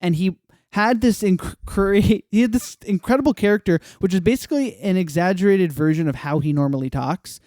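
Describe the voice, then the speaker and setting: A man co-hosting a casual podcast, talking in an animated, joking, emphatic way on a close mic. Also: sits high, a little fast, no room sound. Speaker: podcast co-host.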